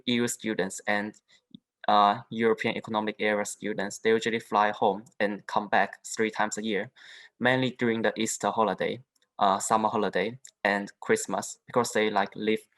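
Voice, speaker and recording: A young man from southern China, a native Chinese speaker, giving a halting panel talk as an international student, with frequent restarts and fillers. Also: on the low side, a bit bright, rough recording. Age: young adult. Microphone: video call.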